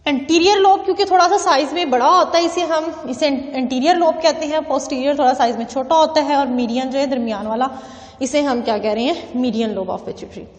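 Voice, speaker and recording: A woman teaching a biology lecture who explains slowly, asks questions and answers them herself, and mixes English terms into Hindi. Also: high-pitched. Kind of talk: classroom lecture. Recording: echoey room with long reverb.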